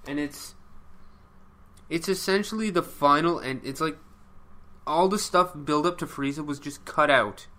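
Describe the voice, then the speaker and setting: A man's voice: fairly high pitch, unhurried, pauses often, bright, forceful tone. A man co-hosting a podcast in casual chat, giving blunt opinions and short dry replies. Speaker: podcast co-host.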